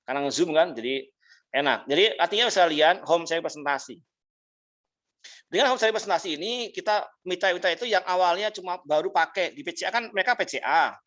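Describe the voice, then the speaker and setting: A man teaching a business class as a mentor, telling stories in an animated way, laughing often and acting out the people he quotes. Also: high voice, fast. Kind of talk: motivational storytelling talk. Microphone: video call.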